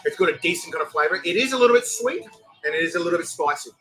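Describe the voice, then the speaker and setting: A man's voice: a little high, expressive, racing, bright, forceful tone, faint music behind, low-quality recording. A man with a New Zealand accent hosting a casual live review, rambling and repeating himself. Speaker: food review host.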